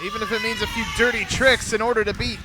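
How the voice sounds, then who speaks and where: A man doing excited live wrestling play-by-play as a commentator, often breaking into exclamations and shouts. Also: high-pitched, fast, music in the background, low-quality recording. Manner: exclamatory, shouting at the big moves.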